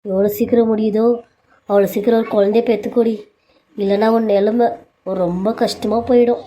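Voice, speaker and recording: A woman's voice: mid-range voice, level tone, brisk, dull audio, a little hiss or hum, close to an everyday voice. A woman voicing a caring older sister figure who scolds and consoles a younger wife in a family serial drama. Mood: consoling.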